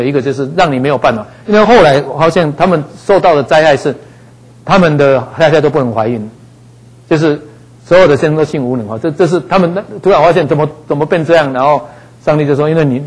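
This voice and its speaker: A man teaching a Bible passage in a relaxed, conversational way, dropping frequent little fillers. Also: a little high, husky, low-quality recording. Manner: conversational, frequent "哈" fillers, acts out voices in quotes.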